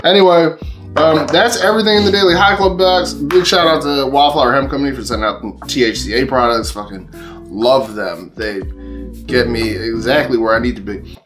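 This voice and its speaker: A man from Pennsylvania chatting casually to his camera at home, swearing freely and laughing between thoughts. His voice sits in an ordinary middle pitch, and he often trips over his words and restarts. A faint strain of music sits behind him. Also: normal speed, a bit bright. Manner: loose, profane, laughs often, restarts mid-sentence. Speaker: cannabis vlogger host. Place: indoors at home.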